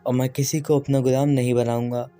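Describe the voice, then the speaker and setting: A man's voice: medium pitch, level tone, brisk, warm tone, faint music behind, close to an everyday voice. A man doing a monstrous jinn, pleading. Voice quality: strange, unheard-of voice. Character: monstrous green-skinned jinn begging for release.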